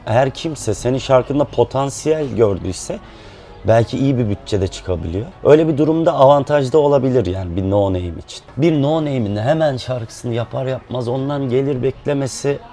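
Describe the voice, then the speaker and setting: A man speaking in a relaxed, explanatory way, with fillers, as a musician guest in a casual chat. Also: medium pitch, moderate pace, soft background music.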